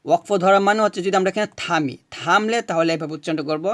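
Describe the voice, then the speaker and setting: A man teaching Quran recitation, chanting verses slowly and explaining each rule patiently, asking questions and answering them himself. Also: high voice, fairly bright tone, no room sound, clean studio sound. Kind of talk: recitation lesson.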